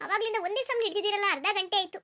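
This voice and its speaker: A woman's voice: very high-pitched, pushed and bright, a little hiss or hum. A woman voicing a lazy, sleepy young wife in a cartoon, complaining and stubbornly refusing to get up. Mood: whiny. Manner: complaining, stubborn, rapid-fire. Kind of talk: cartoon voice acting.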